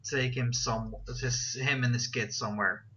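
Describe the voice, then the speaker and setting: A man running a tabletop game as game master, chatty and quick to laugh, on a dull lo-fi recording. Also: mid-range voice, fairly even intonation, sharp tone.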